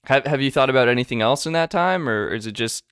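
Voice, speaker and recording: A man's voice: mid-range voice, expressive, quick pace, a bit bright, clean tone, no room sound, clean studio sound. A man co-hosting a podcast in a casual chat, bantering in a jokey, mock-adventurous way. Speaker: podcast co-host.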